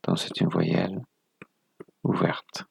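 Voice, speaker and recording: A man's voice: slow pace, no echo. A man presenting a video lesson, explaining step by step in a methodical way, counting items aloud and correcting himself as he goes.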